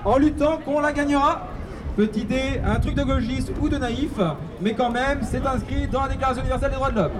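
A man hosting a public quiz at an outdoor gathering, animated and upbeat, calling out answers to the crowd. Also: extremely high pitch, brisk, background noise. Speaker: quiz host at a rally. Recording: distant outdoor recording with a crowd.

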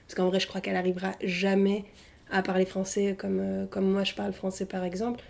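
Flat, mellow-voiced young woman from Tunisia. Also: medium pitch, a little fast, creaky. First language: Arabic. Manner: hesitant, slangy, many fillers. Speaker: interviewee. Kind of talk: casual personal testimony.

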